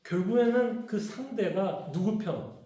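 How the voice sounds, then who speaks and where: Pastor leading Bible study, high and animated voice, roomy echo, keeps quizzing his listeners. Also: unhurried. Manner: conversational, asks the congregation questions. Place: church hall. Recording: echoey church room.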